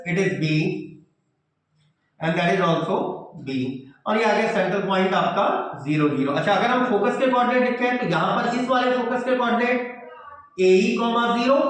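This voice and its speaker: A man's voice: high voice, a bit bright. A man teaching physics in a whiteboard lecture, explaining step by step, often repeating phrases and checking that students follow, mixing English terms into his Hindi. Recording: very echoey room.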